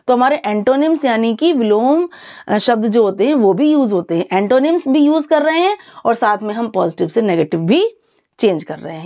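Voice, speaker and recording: A woman teacher explaining grammar in a mixed Hindi and lecture, asking the students rhetorical questions and reading example sentences slowly. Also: high-pitched, a little mellow. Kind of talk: bilingual classroom lecture.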